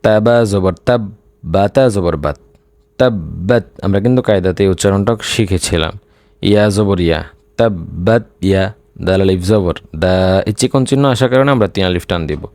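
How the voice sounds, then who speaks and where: Here the Quran lesson comes from a man whose low, slightly mellow voice carries a Bangladeshi Bengali accent; he breaks words into syllables one at a time, then recites them slowly, with no echo in the recording.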